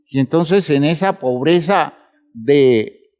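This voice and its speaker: A man preaching a sermon, emphatic and measured, speaking to the congregation as brothers and stretching words for emphasis. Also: on the high side, expressive, a little mellow.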